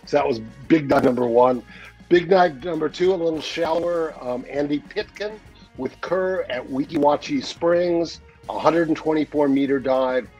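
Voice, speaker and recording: Calling in by webcam from his study at home, the regular guest and newsletter editor, in his sixties, keeps things casual and rambling, with plenty of fillers and ready laughs. He speaks at normal speed in a fairly high, darkish voice, with soft background music.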